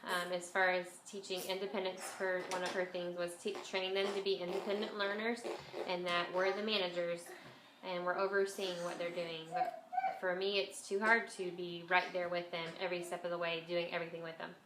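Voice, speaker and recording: A woman's voice: fairly low pitch, flat delivery, a little fast. A woman chatting casually as a homeschool vlogger, with a stuffed-up, nasal voice from a cold, as if pinching her nose. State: has a bit of a cold. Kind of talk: casual chat to camera. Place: at home, indoors. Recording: echoey room, faint background noise.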